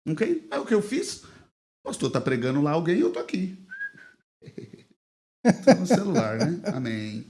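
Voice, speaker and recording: A man with a Brazilian Portuguese accent, a pastor telling a lively anecdote on a podcast and acting out the quoted dialogue. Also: on the high side, a little slow, pauses often, slight background noise. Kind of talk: casual podcast storytelling.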